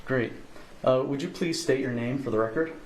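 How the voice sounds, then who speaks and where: A man's voice: mid-range voice, moderate pace. A man working as prosecutor questions a witness in a formal, polite way, heard in a courtroom recording. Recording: roomy courtroom sound with steady noise.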